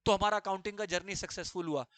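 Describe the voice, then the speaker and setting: A male teacher lecturing a class, slowly chanting definitions for students to repeat and joking between points. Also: high voice, fairly even intonation, fairly bright tone, dry recording.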